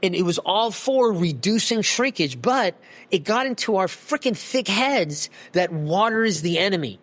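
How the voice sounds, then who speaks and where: A podcast guest expert, this man speaks with passion and heat, his voice a little high for a man and fairly bright. He's expressive and emphatic at a moderate pace, dropping the occasional swear word, and comes through over a video call.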